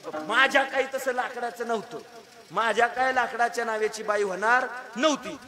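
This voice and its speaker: A man's voice: very high voice, moderate pace, bright, forceful tone. A man preaching a comic devotional sermon, telling a story emphatically and calling out to the audience, into a handheld microphone. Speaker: kirtan preacher.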